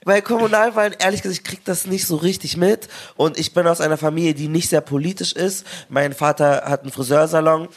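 A young male co-host in his twenties with a slightly higher voice and a chatty way of talking. He drops in joking asides during a casual panel discussion. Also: fairly quick, few pauses. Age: 20s. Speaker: podcast co-host.

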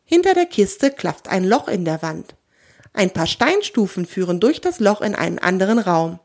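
A woman narrates a children's story with gentle, expressive warmth. Her voice stays mid-pitched but moves freely and lively through each sentence. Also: normal speed. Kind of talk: children's audio story reading.

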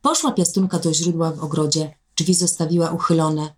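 A woman narrating a fairy tale in a measured, expressive way. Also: deep voice, breathy edge. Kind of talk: storybook narration.

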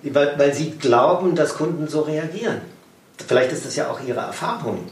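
A man's voice: fairly high pitch, expressive, moderate pace, echoey room, distant mic. A man in casual conversation who talks in an encouraging way and repeats phrases for emphasis.

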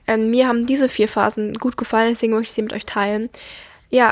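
Young woman, higher voice, subdued and earnest. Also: dry recording, clean studio sound. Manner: earnest, reflective, somewhat subdued. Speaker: podcast host. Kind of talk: personal monologue, casual confiding talk.

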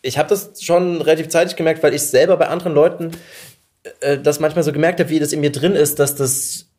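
A man's voice: fairly high pitch, fairly even intonation, fairly quick, darkish tone. A man from Saxony, chatting and laughing on a podcast as co-host. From Saxony, Germany. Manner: chatty, self-mocking, laughs often. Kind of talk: casual podcast chat.

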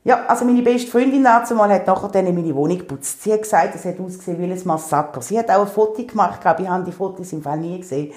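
A woman with a Swiss German accent tells a personal story in a casual, animated way, often laughing and acting out her own past words. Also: on the low side, quick pace, hardly any pauses. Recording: echoey room.

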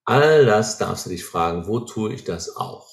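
With a fairly low voice, an earnest man explains his ideas in a teaching way, his intonation lively and his pace measured. He often drops in short questions to check the listener is following, and the room around him gives off a clear echo.

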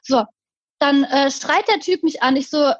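A woman with a high voice talks casually, acting out both sides of an argument with animated energy. The sound is dry and a little dull. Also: a little slow, no room sound. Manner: animated retelling, acting out a quarrel. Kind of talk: casual chat, storytelling.

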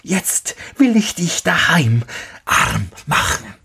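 A man voicing a small, vengeful male sparrow in a spoken fairy tale, with a very high piping squeak and taunting, sing-song threats. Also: very animated, takes it slowly, creaky, sharp tone, breathy edge, exaggerated voice.

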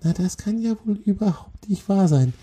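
Man voicing Sila, a tiny shrill cross spider. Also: expressive, moderate pace, mellow, slightly rough. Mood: indignant scolding. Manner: scolding, grumbling, impatient. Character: tiny cross female forest spider, impatient.

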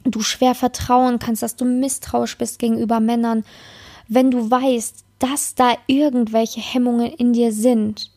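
A woman's voice: a little high, flat delivery, measured pace, mellow. A woman giving an earnest motivational talk on love, speaking straight to her listener, often tagging lines with "ne?" and with blunt emphasis. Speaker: love and relationship coach. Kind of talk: motivational direct-address talk.

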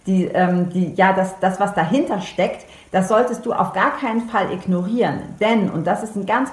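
A woman coach talks straight to the listener, earnest and steady, and repeats what matters so it sticks. Her voice sits at a middling pitch and carries the echo of a bare room. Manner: earnest, addresses the listener directly, repeats key points. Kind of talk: explanatory monologue to the viewer. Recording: echoey room.

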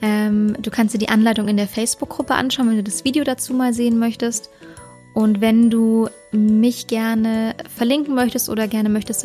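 Calm German-speaking woman explaining dog training. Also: fairly high pitch. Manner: calm, explanatory, with frequent fillers and self-corrections. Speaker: dog trainer and podcast host. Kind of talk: casual instructional podcast talk.

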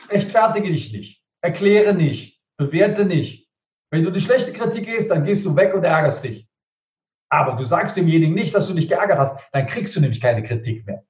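A man's voice: fairly high pitch, darkish tone. A man who works as a speaker and rhetoric coach, giving emphatic advice in an interview and hammering his points home through repetition. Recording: roomy, distant, dull sound.

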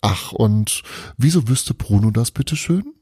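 A man's voice: sits low, sing-song, measured pace, mellow, breathy edge, no echo, clean studio sound, heavily acted. A man voicing a theatrical Christmas witch mother with an Italian flair, dramatic and playful. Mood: teasing.

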